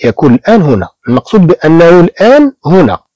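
A man from Morocco who teaches beginners French. He repeats each word slowly and explains it in Moroccan-accented Arabic. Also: on the high side, very animated, warm tone, no echo, low-quality recording. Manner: slow repetition of words, explaining in Arabic.

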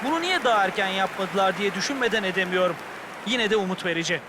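A man's voice: high voice, animated, fast, a crowd in the background. A man giving analytical co-commentary on a football match, commenting on the play. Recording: clear stadium noise behind the voice.

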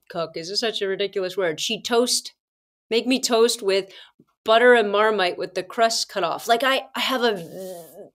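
A middle-aged woman hosting a podcast, telling casual personal stories in a chatty way and calling her listeners "guys". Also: medium pitch. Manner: chatty, addresses listeners as "guys", many fillers and asides. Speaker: podcast host.

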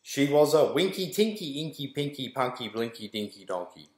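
In a small indoor room with bare walls and a roomy echo, a man in his forties from the school staff reads a rhyming picture book to children. His delivery is sing-song and rhythmic, his medium-pitched voice animated at a moderate pace.

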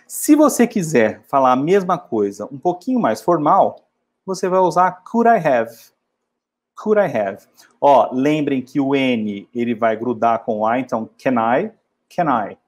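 A man from Brazil, teaching travel English in a casual way and repeating model phrases slowly. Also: medium pitch, darkish tone. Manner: slow, drilled model phrases in English between casual explanations.

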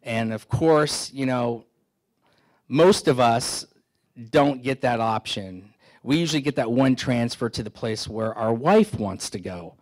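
A man's voice: medium pitch, lively intonation, unhurried. Middle-aged man telling stories at a meeting. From San Francisco Bay Area. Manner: conversational storytelling, self-deprecating humor, many restarts. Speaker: keynote speaker, FBI agent. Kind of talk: anecdotal keynote talk. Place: indoor meeting hall, standing before an audience. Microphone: handheld microphone.

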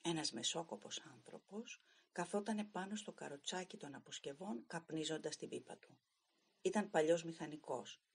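A woman narrating a short story for an audiobook in a calm, measured way. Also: low voice, slightly rough.

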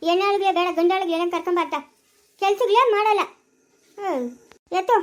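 A woman playing a sharp-tongued village mother and farm owner who scolds workers and coos to her baby. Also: extremely high pitch, fairly even intonation, a little fast. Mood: scolding.

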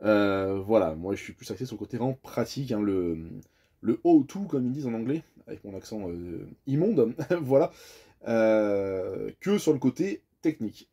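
A man's voice: fairly low pitch, animated, normal speed, dark tone, slightly rough. A man from France casually explaining, step by step, how a piece of driving equipment works, chatty and full of hesitations. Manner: friendly, chatty, hesitant with many fillers. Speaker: bus driver explaining a tachograph.

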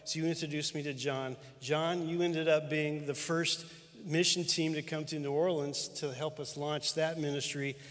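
Middle-aged guy telling stories about an old friend, earnest and reverent, slightly high voice, long hall reverb. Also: fairly even intonation, normal speed, few pauses. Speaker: denominational superintendent. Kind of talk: heartfelt tribute speech. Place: large church auditorium with live audience.

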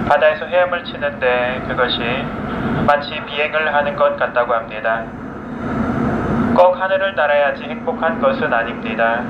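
A subway train driver giving a warm, gentle and polite announcement to passengers over the intercom. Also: male voice. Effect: heard over the train intercom. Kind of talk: onboard announcement. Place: inside a moving subway car. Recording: muffled echoey train PA with loud rumble. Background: loud train noise.

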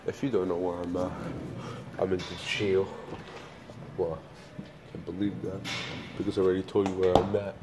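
A man's voice: low voice, level tone, moderate pace, long pauses, very noisy. A man vlogging casually from inside a store, rambling and stumbling over restarts, recording on a handheld phone. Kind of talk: casual vlog chat. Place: indoors in a store.

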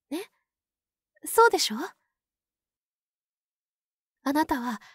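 A woman voicing a pure young nun who is sweetly possessive and obsessive, in a soft, polite ASMR role-play. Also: high-pitched, dry recording, clean studio sound. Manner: polite, soft, demure, lingering pauses.

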